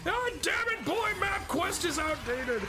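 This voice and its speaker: A man voicing an angry warrior father who shouts at his son in exasperation, over game music. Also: extremely high pitch, sing-song, unhurried, background noise, voice pushed up, heavily acted. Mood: exasperated. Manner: yelling, exasperated.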